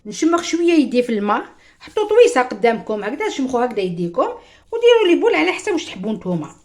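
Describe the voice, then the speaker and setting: Fast-talking Algerian woman cooking. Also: sits high, big pitch swings, darkish tone. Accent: Algerian Arabic. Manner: chatty, talks straight to viewers, mixes in French words. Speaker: cooking show host. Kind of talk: home cooking demonstration.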